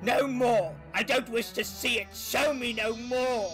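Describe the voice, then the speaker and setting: A young man as a shrill, tormented old miser. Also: a little slow, a bit bright, faint music behind. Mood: anguished pleading. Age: teenage. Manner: anguished, theatrical. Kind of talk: radio drama acting.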